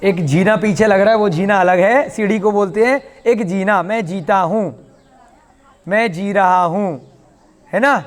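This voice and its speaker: High-voiced teacher in a reverberant room. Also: male voice, measured pace. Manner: patient, explains with questions and playful asides. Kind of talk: online language class.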